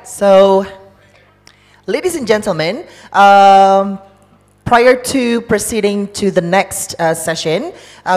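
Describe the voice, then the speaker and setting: A woman with an Indonesian accent, formally hosting a conference as master of ceremonies. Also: mid-range voice. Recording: reverberant conference hall sound.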